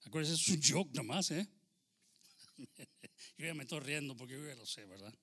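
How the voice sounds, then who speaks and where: Bright-voiced Mexican American pastor preaching. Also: male voice, a little high, lively intonation, moderate pace. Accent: Mexican American Spanish. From United States. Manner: switches into English phrases, frequent amen and hermano; fervent preaching that drops into joking storytelling. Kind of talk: sermon.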